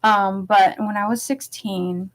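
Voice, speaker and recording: A young woman telling a personal story in a soft, hesitant way, with many pauses and fillers. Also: medium pitch, steady tone. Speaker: vlogger. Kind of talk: personal testimony.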